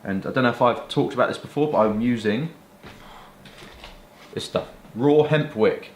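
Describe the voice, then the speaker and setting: Showing his pipe and tobacco collection, a British man talks to camera at a moderate pace in a mid-range voice. The chat is casual and meandering, with everyday phrasing and a bit of mild swearing, recorded in an echoey room with faint noise behind him.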